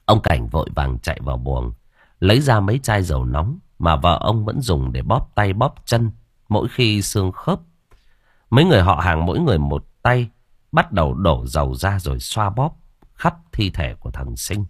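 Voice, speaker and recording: A man narrating an audiobook horror story in an expressive, unhurried storytelling manner. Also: low voice, slightly rough, no echo, studio quality.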